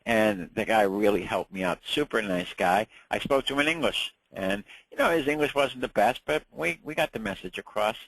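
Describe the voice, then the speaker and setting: A man's voice: on the low side, lively intonation, normal speed, few pauses, a bit bright, dry recording, rough recording. Chatty New York man teaching class. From Long Island, New York. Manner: chatty, anecdotal, repeats words when restarting. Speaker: ham radio class instructor. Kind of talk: casual classroom lecture.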